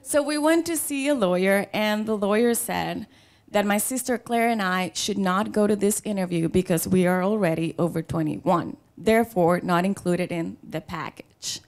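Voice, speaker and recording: At a live storytelling show before an audience, a middle-aged Dominican woman, a native Spanish speaker with a Dominican Spanish accent, tells a personal story. Her voice is mid-range with a darkish tone, and her delivery is conversational and playful, with dramatic pauses.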